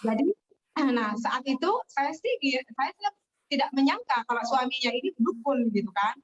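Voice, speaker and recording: A woman telling her business success story in a lively, casual way, acting out the voices of people she quotes. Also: high voice, normal speed, slight background noise. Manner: animated, acts out quoted voices. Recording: distant, dull lo-fi webinar audio.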